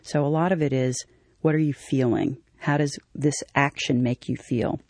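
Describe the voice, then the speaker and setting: A woman's voice: a bass voice, steady tone, moderate pace, a little mellow, no room sound, studio quality. A woman who directs a child safety program, answering interview questions in an earnest, explanatory way.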